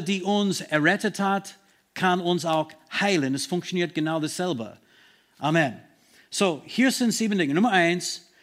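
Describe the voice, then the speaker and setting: A man preaching a sermon in an earnest, emphatic way, slowing down to stress key words, with slightly non-native phrasing. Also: high-pitched.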